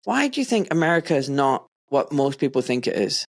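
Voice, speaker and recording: Gravelly and fairly quick, the host's medium-pitched voice swings widely in pitch. He runs a casual, animated podcast interview over a remote call, full of laughter and friendly slang.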